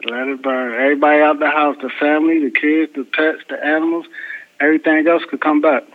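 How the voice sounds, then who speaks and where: A man speaking over the phone as an interview guest, giving soft-spoken, thoughtful, halting answers. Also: on the high side, fairly even intonation. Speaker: interview guest, brewery crew chief. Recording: tinny phone line.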